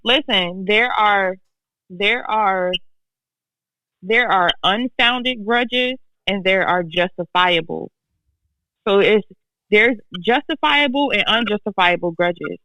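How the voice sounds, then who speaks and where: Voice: medium pitch, takes it slowly, sharp tone, dry recording, rough recording. A podcast co-host talking bluntly and emphatically, repeating points for effect in casual chat.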